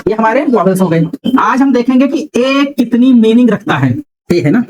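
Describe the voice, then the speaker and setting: A man's voice: very high-pitched, lively intonation, normal speed, a little mellow, poor audio. A man teaching English pronunciation in a classroom, often asking the class questions and repeating their answers. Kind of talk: classroom lecture.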